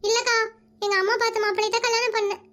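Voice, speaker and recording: A performer voicing an unhappy but resolute young wife in an animated comedy, pleading and calling the other woman "akka". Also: extremely high pitch, rapid-fire.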